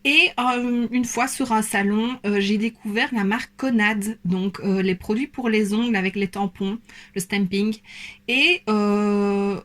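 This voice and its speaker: Hesitant Belgian woman chatting softly. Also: mid-range voice, fairly even intonation, unhurried. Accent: Belgian French. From Belgium, Liège province. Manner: hesitant, many fillers, soft and self-conscious. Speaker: beauty YouTuber. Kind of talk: casual Q&A vlog.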